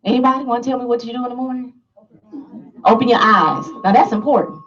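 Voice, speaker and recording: A woman preaches motivation to a room full of people, pushing her points hard and tossing questions out to the crowd. Her voice sits a bit high. She is picked up from some way off the mic, so the sound comes through dull and muffled. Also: fast, a bit bright, far from the mic. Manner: emphatic, preachy, asks the audience questions and laughs often. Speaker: motivational speaker. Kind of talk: motivational talk to a live audience.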